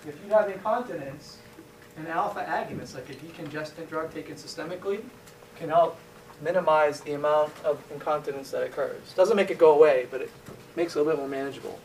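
In an echoey lecture room, a male pharmacology lecturer with a fairly high voice asks students questions, then answers them himself. He sounds far from the mic, with a faint hiss in the background.

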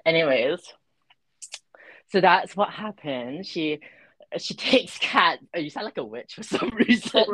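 A woman's voice: on the low side, big pitch swings, measured pace, fairly bright tone, breathy edge, rough recording. A woman co-hosting a chaotic casual chat, giggling, rambling and teasing her friend with the odd swear. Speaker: co-host.

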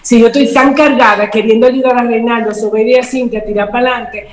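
A woman's voice: a little high, fast. Guest woman in a roomy echo. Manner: explains calmly, acts out everyday dialogues. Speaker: guest speaker. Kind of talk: talk show conversation.

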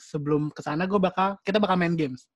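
A woman's voice: fairly low pitch, quick pace, highs cut off. A young woman with a Jakarta accent hosting a casual chat and asking questions in colloquial Jakarta slang. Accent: Jakarta Indonesian. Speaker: host.

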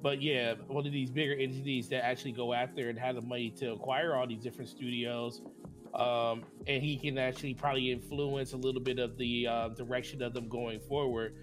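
Male co-host, mid-range voice, thoughtful and rambling, with music playing clearly behind him. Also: mid-range voice, little pitch movement, a little fast. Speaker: podcast co-host. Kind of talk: casual podcast discussion.

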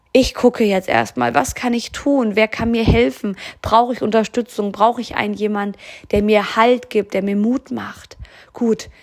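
A woman hosts a motivational podcast, talking straight to the listener. Her voice sits in a middle register with a gravelly, creaky edge. Her manner is earnest and encouraging, like a coach. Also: medium pitch.

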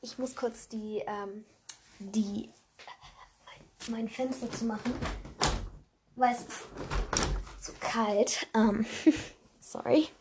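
A woman's voice: on the high side, fairly even intonation, slow pace, long pauses, background noise. A woman casually reading her own fan fiction aloud, with chatty asides and many fillers.

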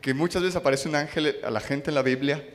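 Male church interpreter with a slightly high voice. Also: quick pace. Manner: follows each phrase, some stumbles and restarts. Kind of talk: consecutive sermon interpretation. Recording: long church reverb.

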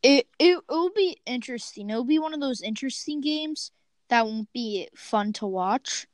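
A woman co-hosting a casual sports prediction chat over an online call, her mic glitching so her pitch and level jump around. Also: expressive, moderate pace, no echo. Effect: glitchy mic with jumping pitch and level. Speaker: co-host giving game predictions.

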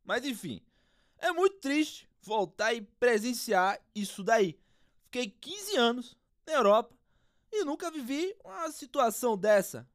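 A performer playing an aggrieved, pious football star lamenting loudly in an interview. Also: medium pitch, very animated, measured pace, no echo, studio quality. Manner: loud, lamenting post-match interview delivery.

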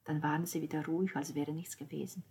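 Husky low-voiced woman narrating a novel. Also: fairly even intonation, quick pace, darkish tone. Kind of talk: audiobook narration.

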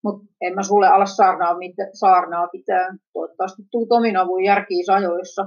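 A woman's voice: medium pitch, steady tone, highs cut off, close to an everyday voice. A woman reading the lines of a prying older sister who asks teasing, suspicious questions.

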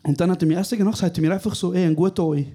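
A man's voice: sits high, very fast, slightly rough. A young man with a Swiss German accent, co-hosting a casual podcast recorded live and telling stories animatedly, with 'Bro' in almost every sentence. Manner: animated storyteller, says 'Bro' often. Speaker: podcast co-host. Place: small venue, live recording.

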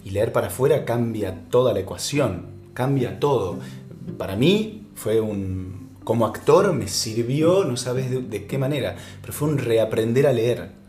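A man in his thirties with an Argentine accent, a voice actor talking in a relaxed interview, reflective and often restarting his sentences. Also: medium pitch. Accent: Argentine Spanish. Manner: reflective, halting with many restarts. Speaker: voice actor guest. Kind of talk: casual interview chat. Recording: echoey room with faint music.

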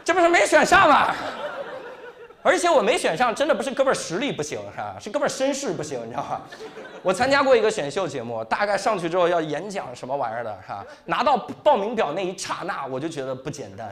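A young man performing a stand-up comedy set on stage, telling stories in an animated way and tagging his lines with quick asides. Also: sits high. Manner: animated storytelling with frequent tag 哈 and 是吧. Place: comedy stage before a live audience.

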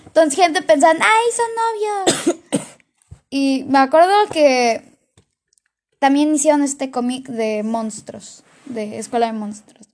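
A woman with a high, bright-sounding speaking voice, chatting casually as a co-host. She tells long stories in a chatty way, restarting sentences as she goes and circling back to add details. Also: a little slow. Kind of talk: casual chat.

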